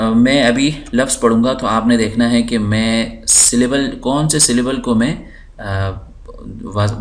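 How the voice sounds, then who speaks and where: A man teaching an English course lesson, repeating each word slowly to stress its syllables. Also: medium pitch. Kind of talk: language lesson. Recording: roomy echo.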